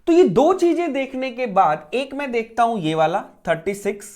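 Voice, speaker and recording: Animated male coaching teacher. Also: very high-pitched, moderate pace. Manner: asks and answers his own rhetorical questions, repeats key phrases. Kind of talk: exam preparation lecture.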